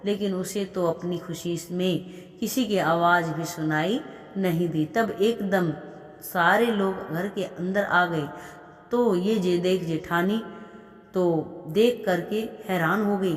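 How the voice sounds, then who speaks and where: A woman's voice: lowish voice, takes it slowly. A woman narrating a devotional folk tale and acting out the characters' lines with feeling. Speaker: storyteller. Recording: echoey room with long reverb.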